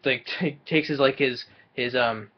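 A man's voice: medium pitch, a little slow, muffled recording. A young man casually recapping a film's plot from a small room, often stumbling and repeating words as he goes. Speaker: movie reviewer.

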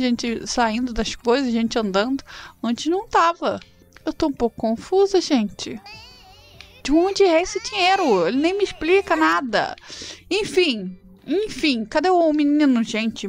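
A Brazilian woman casually commenting on a life-sim game, animated and dramatic, voicing her character's lines. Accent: Brazilian Portuguese. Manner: animated, swings into high dramatic outbursts. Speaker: gameplay streamer.

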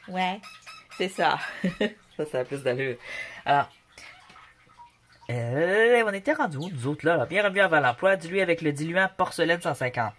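Speaking with lively intonation at a normal speed and pausing often, this woman has a low, fairly bright voice. She's a Canadian craft vlogger with a Québécois French accent, casually joking as she reads a paint label for a home craft video. A noisy pet bird is nearby during this easygoing product review.

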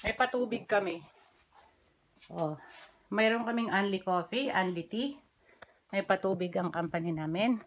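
A woman's voice: medium pitch, measured pace, pauses often. A woman gives a chatty, upbeat walking tour of the shop where she works, pointing out items to her viewers. She records it on a handheld phone inside the store and its stockroom. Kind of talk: casual walking vlog.

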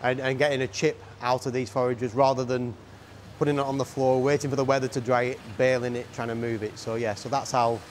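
A man who runs a farm contracting business answers questions in a steady, agreeable voice of middle pitch, often repeating himself. He is recorded outdoors in a farm yard, with faint noise and vehicles behind him. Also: fast talker. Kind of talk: casual interview answers.

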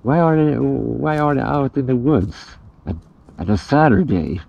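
A man vlogging casually outdoors to a handheld camera, his voice muffled by a gas mask, halting, deadpan and sweary. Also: mid-range voice, gravelly. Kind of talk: casual outdoor adventure vlog talk to camera. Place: outdoors in a forest. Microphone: action camera at arm's length.

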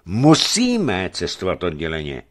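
A man's voice: deep voice, huge pitch swings. A man voicing a bold, jovial young companion who speaks boisterously. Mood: resolute. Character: hearty, bold young man, laughing and brave.

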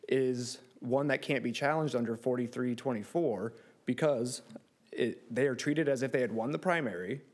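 A man in his thirties, a lawyer arguing an appeal, speaks formally at a lectern in a large courtroom, his words captured by the lectern microphone. His voice has a medium pitch and a darkish tone.

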